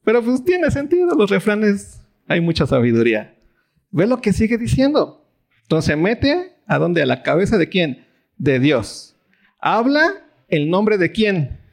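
A man's voice: very animated, measured pace, vocal fry. A man with a Mexican Spanish accent teaching a Bible study in a casual, conversational sermon style, often asking the audience questions and acting out quoted voices. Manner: acts out quoted voices with big pitch swings.

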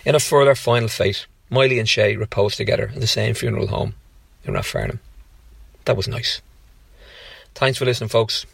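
Gravelly Irish man reading a tribute. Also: lowish voice, very animated, fairly quick, dry recording. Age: 50s. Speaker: contributor reading a memoir. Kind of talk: read personal tribute.

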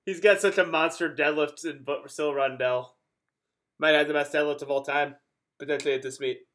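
A man with a slightly raised pitch talks emphatically as a podcast co-host. He sounds enthusiastic about the competition. The tone is casual sports chat. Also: fairly even intonation, brisk, a bit bright.

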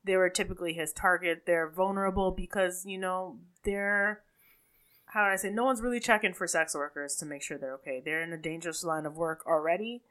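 A woman with a Caribbean accent chats through a true-crime story in a casual, hesitant way. Her voice sits a little low, and she often stops to correct herself. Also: fairly even intonation, fairly quick, fairly bright tone. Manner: chatty, hesitant, self-correcting. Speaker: podcast co-host.

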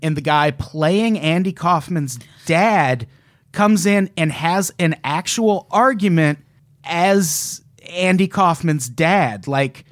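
A man's voice: fairly high pitch, lively intonation, slow pace, no room sound, studio quality. A man co-hosting a casual podcast chat, telling a story with lots of swearing and quoting people in passing voices. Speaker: podcast co-host.

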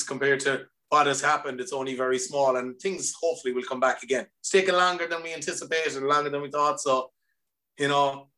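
A man's voice: fairly high pitch, fairly bright tone, rough recording. A man with a west of Ireland accent chatting casually in an upbeat, rambling way as a musician guest. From County Mayo, west of Ireland. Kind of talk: casual chat. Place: remote video call.

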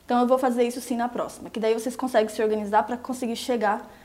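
A young woman coaching viewers on married life during a relaxed live stream. Her voice sits a little high for a woman. She talks emphatically and keeps checking in with her listeners. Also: very fast. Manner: emphatic, often checks in with "entende?". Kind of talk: casual live-stream advice chat with viewers.

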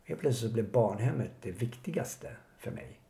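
Gravelly guy from suburbs, low voice, kinda halting storytelling, echoey room. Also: lively intonation, warm tone. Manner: halting, reflective, many pauses and fillers. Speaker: interviewee. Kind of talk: personal life story interview. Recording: echoey room with faint noise.

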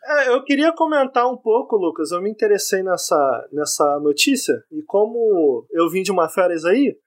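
A man's voice: high-pitched, lively intonation, normal speed. Slangy, emphatic Brazilian Portuguese man chatting. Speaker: podcast co-host. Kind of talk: casual opinionated chat.

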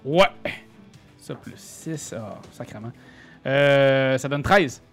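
A man's voice: medium pitch, slow pace, gravelly, a bit bright, faint music behind. A man with a Quebec French accent playing a tabletop game, eager and joking, laughing as he goes. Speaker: player.

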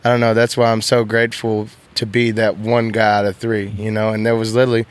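A young man from Texas, a bull rider, talking candidly and emotionally in halting, soft-spoken sentences. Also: on the low side, completely flat delivery, smooth. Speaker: professional bull rider, guest. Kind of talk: candid interview chat.

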